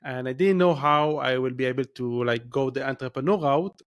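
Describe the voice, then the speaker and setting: The recording is muffled, but this man's medium-pitched voice comes through brisk and clean in tone. He's an Israeli-accented podcast guest in his thirties, recounting his story loosely in a casual interview, restarting often and leaning on fillers.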